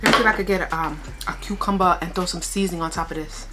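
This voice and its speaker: A woman's voice: fairly low pitch, steady tone, rapid-fire. A woman co-hosting a casual eating show, chewing while she talks in informal, slangy, repeated phrases. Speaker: mukbang co-host. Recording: music playing behind the talk.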